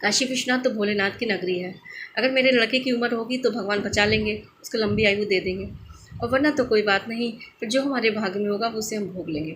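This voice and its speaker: A woman telling a devotional folk tale in a plain, homely way, with pauses and restarts. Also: mid-range voice, fairly bright tone, a little hiss or hum.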